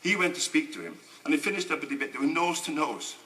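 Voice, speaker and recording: A man giving an indignant, emphatic parliamentary speech in a debating chamber, with halting restarts. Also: on the high side, pushed and bright. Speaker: member of parliament. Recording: echoey chamber.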